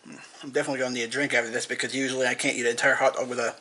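A young man chats loosely through a food-tasting vlog, talking between bites with his mouth full and circling back to the same points. His voice is bright and forward, at an ordinary pitch. A faint hum sits under the recording. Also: flat delivery, racing. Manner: rambling, repetitive, eats and talks with mouth full. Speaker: vlogger.

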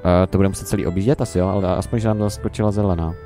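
A man's voice: low-pitched, steady tone, dark tone, faint music behind. A young Czech man rambling and musing to himself in casual gameplay commentary. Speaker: let's play commentator.

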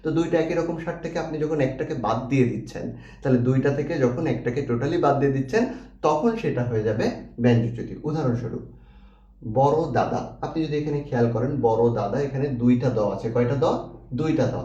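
A man's voice: mid-range voice, fast, mellow, reverberant, highs cut off. Man teaching, asking and answering himself. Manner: asks questions and answers them himself, repeats key terms. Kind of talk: grammar lesson.

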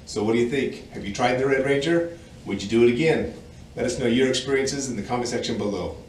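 A man's voice: mid-range voice, fast, slight background noise. A man in his forties, host of a hobby farm channel, giving a scripted, matter-of-fact explainer straight to camera. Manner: clear, informative and matter-of-fact. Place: outdoors in front of a wooden barn door. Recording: roomy, distant outdoor recording with faint ambience.

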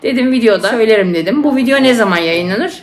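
A woman's voice: on the high side, animated, fast talker. A middle-aged woman, a nurse and mother, chatting casually to camera at home and telling stories with feeling and lots of fillers. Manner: chatty, emotional storytelling with many fillers.

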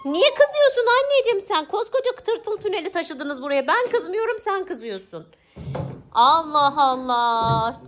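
Brief: very high-pitched woman, playful mom host, noisy home video. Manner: playful and animated, often laughing. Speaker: mother and channel host. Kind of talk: casual family vlog narration. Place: family home indoors.

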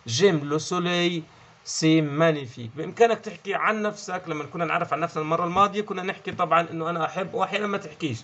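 A man's voice: a little high, very fast, fairly bright tone, highs cut off. A man with a Levantine Arabic accent teaching French in an explanatory lesson, often checking in and repeating key words. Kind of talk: online language lesson.

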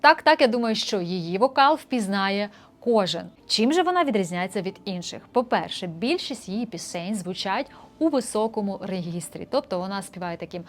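A woman's voice: medium pitch, expressive, moderate pace. A young woman vocal coach in a casual lesson, explaining voice technique and breaking into short sung demonstrations. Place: indoor room with a street musician outside.

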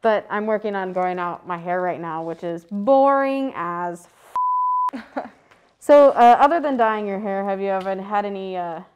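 A woman's voice: mid-range voice, moderate pace, muffled recording, background noise. Wry young woman hosting a talk show. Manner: casual, wry, laughing. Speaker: host.

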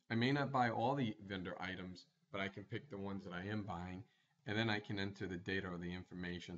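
In a screencast tutorial, a man with a lowish voice walks through software setup step by step, in a plain instructional manner. The high frequencies are cut off.

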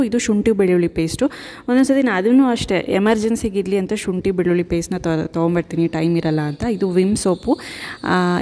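Her voice lowish and warm, a young vlogger from Karnataka, India, walks through household items one by one in a relaxed, chatty way, first in her kitchen and then in the living room. The indoor recording is echoey, with noise in the background.

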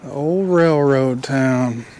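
A man's voice: mid-range voice, takes it slowly, a little mellow, slight background noise. Chatty man touring outdoors. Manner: chatty, jokey, reads plaques aloud. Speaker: travel vlogger. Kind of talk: casual tour chat. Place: outdoors in a small town, windy.

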